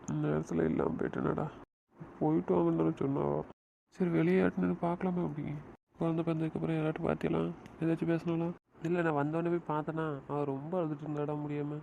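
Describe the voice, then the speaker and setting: A man's voice: fairly high pitch, vocal fry, warm tone, slight background noise. A man voicing both friends in an emotional audio drama, talking in a comforting and pleading way.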